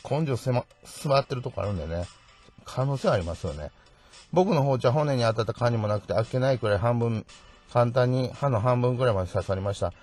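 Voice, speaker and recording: A man's voice: mid-range voice, darkish tone. A man hosting a solo true-crime talk, chatty, tagging his sentences with little asides. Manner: chatty, peppers sentences with "ne" tags and wry asides. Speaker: podcast host.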